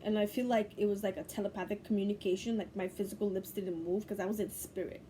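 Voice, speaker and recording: A woman's voice: medium pitch, fairly even intonation, fast, dark tone, slight background noise. A young woman from Bangladesh, a spiritual teacher, telling a personal story to camera in a loose, profane, laughing way.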